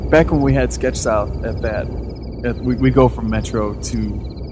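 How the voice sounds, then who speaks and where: A man's voice: medium pitch, steady tone, unhurried, noisy background. An American man co-hosting a podcast with goofy, irreverent, slangy banter. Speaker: podcast co-host. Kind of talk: casual banter.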